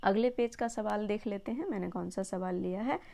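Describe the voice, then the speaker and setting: A woman teaching a Sanskrit textbook lesson to children, patient and encouraging, slowly repeating words to model pronunciation. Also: mid-range voice, gravelly, mellow.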